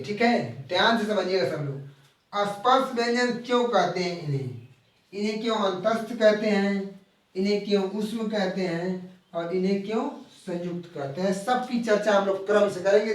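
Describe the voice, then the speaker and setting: A man teaching a grammar lesson live, explaining slowly and repeating key terms while drawing out the example sounds. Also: high voice. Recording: very echoey room, voice from far off the mic.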